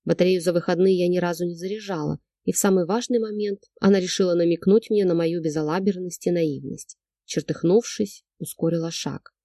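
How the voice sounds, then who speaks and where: A woman reading a novel aloud as first-person narrator, in a measured, emotional storytelling manner. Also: fairly low pitch, mellow, slightly rough, dry recording, clean studio sound. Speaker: audiobook narrator.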